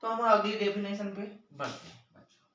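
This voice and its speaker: A man's voice: high-pitched, fairly quick, distant mic. A male maths teacher giving a classroom lesson, explaining step by step and often calling on the children. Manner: lively, addresses the children again and again, explains step by step. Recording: very echoey room, voice from off the mic.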